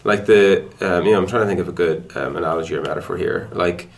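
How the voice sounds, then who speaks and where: This low-voiced man talks fast as a tech product executive in a relaxed podcast interview. He explains things in a conversational way, searching for his words as he goes.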